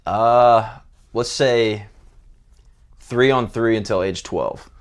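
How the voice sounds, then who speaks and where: A man who coaches high school basketball, answering interview questions in an earnest way. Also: slow pace. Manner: earnest, lots of fillers and restarts.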